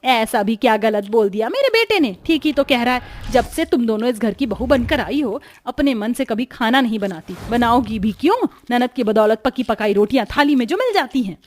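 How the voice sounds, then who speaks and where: A woman doing a sharp-tongued scolding mother-in-law. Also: a little high, animated, normal speed, few pauses, slight background noise, lightly acted. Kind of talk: cartoon story voice acting.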